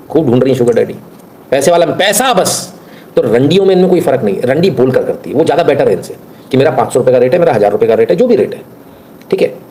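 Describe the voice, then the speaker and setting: A man's voice: medium pitch, mellow, a little hiss or hum. A man giving scornful, blunt reaction commentary on viral videos, ranting with mocking asides.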